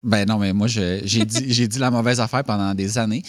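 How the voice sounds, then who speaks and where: A man with a Quebec French accent talks casually in a lowish voice. He rambles, restarts his sentences and leans on filler words. The sound is close and dry, with no room around it. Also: steady tone, brisk, no room sound. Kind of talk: casual conversation.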